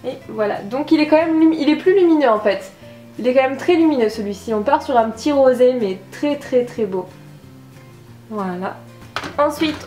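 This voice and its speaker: A woman with a slightly high voice chats enthusiastically while reviewing makeup, poking fun at herself along the way. The room is echoey, and faint music plays in the background. Her tone is casual and excitable. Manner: chatty, enthusiastic, self-deprecating. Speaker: beauty vlogger.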